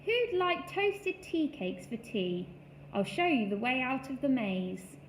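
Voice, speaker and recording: A man's voice: extremely high pitch, sing-song, slow, echoey room, a little hiss or hum, full character voice, low-quality recording. Woman voices a kindly older male park gardener, playful, chuckling, for a storybook. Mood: cheerful.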